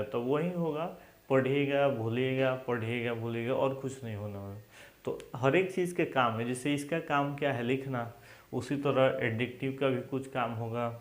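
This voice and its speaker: Slow-speaking man teaching in an echoey room. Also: medium pitch. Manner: drills pronunciation, asks students to repeat after him. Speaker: English teacher. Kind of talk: classroom grammar lesson.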